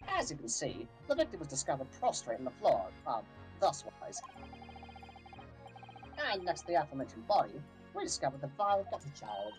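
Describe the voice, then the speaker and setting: A woman voicing a gruff, sarcastic middle-aged British police inspector from a game, in a blustering manner. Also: deep voice, sing-song, brisk, a little mellow, faint music behind, poor audio. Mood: mock-humble. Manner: curt, blustering, mock-humble. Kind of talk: amateur voiced read-through of a game.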